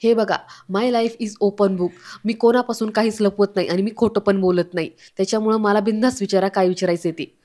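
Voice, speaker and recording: A woman's voice: mid-range voice, fairly even intonation, fairly quick, darkish tone, natural voice. A woman voicing a cheeky trendy young woman. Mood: breezy, cheeky. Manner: breezy, mixes in English.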